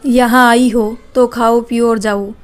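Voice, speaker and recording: A woman's voice: on the high side, fairly even intonation, a little slow, close to an everyday voice. A woman voicing a drunk, rude young married man in a read-aloud family story. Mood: contemptuous. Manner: insulting, dismissive.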